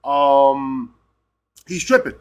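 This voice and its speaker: A man's voice: mid-range voice, very animated, very slow, darkish tone. A man from Peru, a live streamer, giving a rambling, emphatic and profane casual rant.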